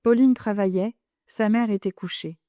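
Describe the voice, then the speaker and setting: Woman, audiobook narration, measured, composed, mellow tone, dry close sound. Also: mid-range voice, dry recording. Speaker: audiobook reader. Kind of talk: audiobook narration of a classic novel.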